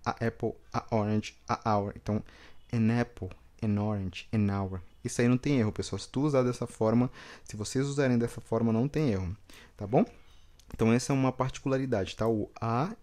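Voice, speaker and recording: A man with a Brazilian Portuguese accent teaching an online English lesson. He repeats each example many times and keeps checking in with his viewers. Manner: lively, stressing words with sudden upward pitch.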